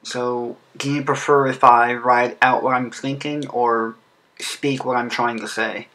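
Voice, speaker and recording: A man narrates a scripted explainer in a bright, forward voice at a medium pitch. He has a lisp that comes from an underbite, heard as he presents like an online video creator. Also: little pitch movement, measured pace, rough recording. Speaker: video creator presenting a fan game track design.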